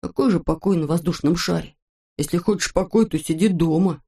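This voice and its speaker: A woman's voice: fairly low pitch, a little fast, warm tone, slightly rough. A woman voicing a grumpy little man from a storybook, who grumbles and mutters complaints. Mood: muttering.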